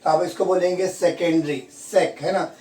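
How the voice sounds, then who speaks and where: A man's voice: high voice, steady tone, normal speed, dark tone. Echoey, distant man teaching chemistry. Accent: Hindi-English mix. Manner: asks students questions and repeats key terms. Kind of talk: classroom lecture. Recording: echoey room, from far off.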